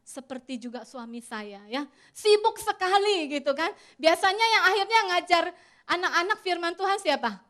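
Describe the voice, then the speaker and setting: A woman's voice: very high voice, normal speed. A woman with an Indonesian accent preaching an interactive church sermon, often asking the congregation questions. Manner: lively, asks the congregation questions.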